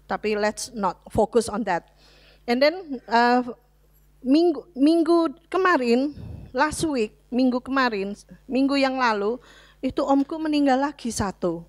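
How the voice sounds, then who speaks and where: A woman's voice: high-pitched, animated, a little slow, no room sound. A middle-aged woman, preaching a conversational sermon in church and mixing in English phrases. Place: church hall.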